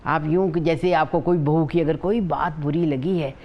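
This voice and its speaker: A woman's voice: low voice, steady tone, normal speed, muffled recording. An older woman with a Pakistani Urdu accent giving family advice as a guest on a TV morning show, in an earnest, motherly way. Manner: earnest, motherly, repeats herself.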